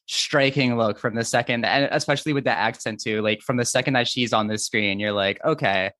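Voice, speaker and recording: A man's voice: mid-range voice, fairly even intonation, brisk, sharp tone, no room sound. A man appearing as a guest on a podcast, chatting eagerly about a film and laughing often. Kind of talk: casual film discussion.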